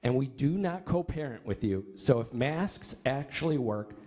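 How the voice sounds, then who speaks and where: Man, American, medium pitch, scripted public comment, accusatory, emphatic. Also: lively intonation, normal speed, a little mellow.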